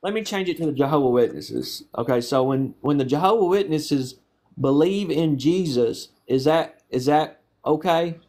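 A man's voice: on the high side, animated, moderate pace, a little mellow. Probing man with a Southern accent. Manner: probing, patient, uses homely examples. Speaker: street interviewer. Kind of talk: casual questioning.

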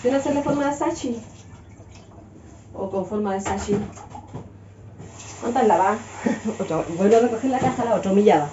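A woman's voice: mid-range voice, moderate pace, long pauses, noisy background. A young adult woman with a Chilean accent chatting casually as she cooks at home, ranting in a joking, exasperated way. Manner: exasperated, joking rants with frequent laughs. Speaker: vlogger. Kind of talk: casual cooking vlog chat. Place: home kitchen. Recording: echoey, dull-sounding room.

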